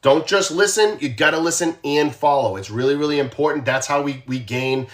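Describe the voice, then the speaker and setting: Speaking fairly quickly in a slightly high, somewhat bright voice, a former cop with a Boston accent addresses viewers on his true crime livestream. His manner is casual and repetitive, with frequent questions aimed at the audience.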